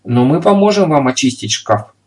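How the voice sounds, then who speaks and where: A man voicing a meek, flustered adult lodger who sounds earnest and a little hurried, in a storybook reading. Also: on the high side, animated, pitched above the performer's own voice, natural voice.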